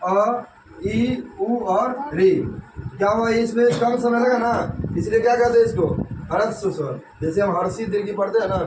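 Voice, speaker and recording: High-voiced teacher quizzing a class. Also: male voice, fairly even intonation, brisk, far from the mic. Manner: quizzing the class with repeated questions. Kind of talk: classroom grammar lesson. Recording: echoey classroom with noise.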